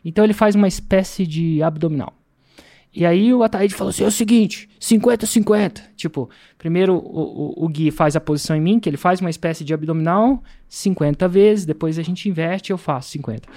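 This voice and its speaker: Brief: Brazilian man, high voice, lively storyteller in casual podcast talk. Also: brisk. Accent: Brazilian Portuguese. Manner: animated storyteller, laughs often. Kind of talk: casual chat.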